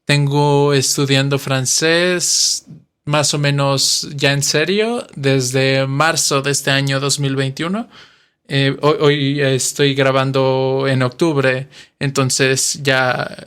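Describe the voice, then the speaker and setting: A Spanish teacher and podcast host in his twenties speaks in a medium-pitched voice that is fairly bright, clear and resonant. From western Mexico and carrying a Mexican Spanish accent, he patiently explains with examples in a slow monologue.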